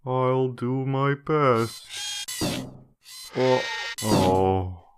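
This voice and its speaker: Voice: medium pitch, extremely slow, over music. An actor voicing a glum, meek underling sidekick with a sluggish, hesitant delivery. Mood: resigned. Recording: loud background noise.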